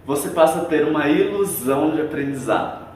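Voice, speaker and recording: A man's voice: a little high, lively intonation, fairly quick, darkish tone, soft background music. A man with a Brazilian Portuguese accent explains a language lesson in a didactic way, walking through examples step by step. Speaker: English teacher. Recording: very echoey room, far from the mic.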